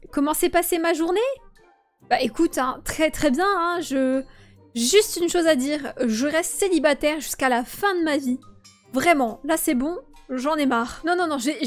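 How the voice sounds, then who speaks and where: High-voiced chatty woman in a game role-play. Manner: expressive, chatty. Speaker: YouTuber playing a teen girl.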